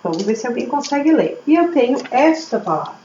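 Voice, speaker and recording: A woman teacher, slowly sounding out words syllable by syllable for young children. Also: high-pitched. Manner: slow, syllable-by-syllable, lively teacher questions. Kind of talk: early literacy lesson for children. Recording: echoey room, slightly dull audio, faint hum.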